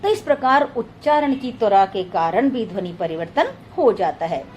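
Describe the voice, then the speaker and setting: A woman teaching a lesson in a steady, explanatory lecture style, slowing down to spell out word examples. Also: medium pitch, muffled recording, a little hiss or hum. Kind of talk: lecture read from notes.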